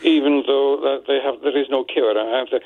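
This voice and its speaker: A man's voice: mid-range voice, fairly even intonation, brisk. A man in his seventies calling a radio phone-in, speaking in a hesitant, apologetic way. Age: 70s. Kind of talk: serious phone conversation. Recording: muffled telephone line.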